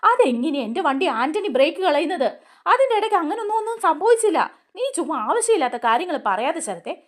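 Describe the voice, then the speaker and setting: A stern family man scolding a younger relative, as a woman storyteller voices him. Delivered high with wide, lively swings of pitch. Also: fast.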